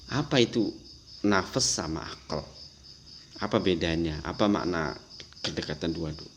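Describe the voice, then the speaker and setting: A man giving a lecture on Islamic philosophy, animated, asking rhetorical questions and acting out quoted voices. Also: sits low, a little hiss or hum.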